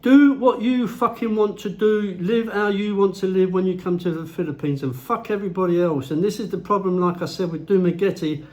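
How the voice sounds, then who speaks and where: High-voiced guy ranting on his vlog, swears a lot, blunt and fired up. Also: fairly quick, hardly any pauses, a little mellow. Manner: blunt, profane, heated. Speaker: vlogger. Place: at home.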